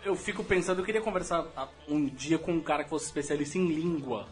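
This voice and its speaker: A man's voice: on the high side, fast, music in the background. A man in a casual group conversation, explaining things and laughing often. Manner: chatty, laughing while explaining.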